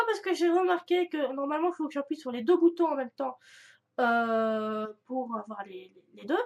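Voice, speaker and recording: A young woman chatting casually through a gaming video, rambling with many fillers and restarts. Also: high-pitched. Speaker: gaming youtuber. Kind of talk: casual let's-play commentary.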